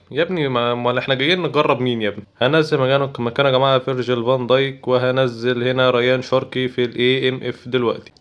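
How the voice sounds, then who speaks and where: A young man with an Egyptian Arabic accent giving excitable live commentary over football gameplay, breaking into rapid repeated cries. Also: mid-range voice. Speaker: gaming YouTuber.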